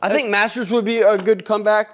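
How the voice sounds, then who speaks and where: A middle-aged man who runs a toy store, chatting casually and joking, his voice dropping low and quiet when he explains things. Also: steady tone, fast talker. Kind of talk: casual chat.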